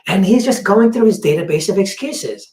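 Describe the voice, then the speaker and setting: A podcast host telling a story in a casual chat, acting out the other people's words with lively energy. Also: mid-range voice, normal speed. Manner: animated, acts out quoted dialogue. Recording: roomy, distant mic.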